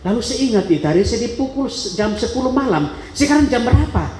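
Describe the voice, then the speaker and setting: A man with a high, ringing voice delivers a sermon testimony. His storytelling is dramatic, and he acts out the voices and gasps of each scene. His voice carries a long hall reverb and sounds roomy. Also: lively intonation, fast, darkish tone. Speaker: preacher giving a testimony.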